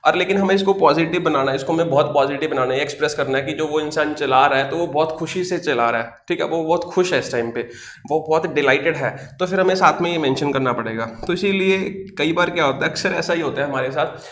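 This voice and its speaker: A man's voice: fairly high pitch, fast talker, fairly bright tone, roomy sound. A man teaching an online English vocabulary class, explaining words patiently and asking and answering his own questions.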